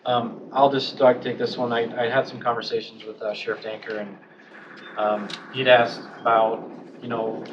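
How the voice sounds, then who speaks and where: A man's voice: mid-range voice, little pitch movement, normal speed. A man chairing a county board meeting in a plain, procedural way, speaking through a face mask. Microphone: masked, speaking at a table mic. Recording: distant, dull, noisy, echoey meeting room.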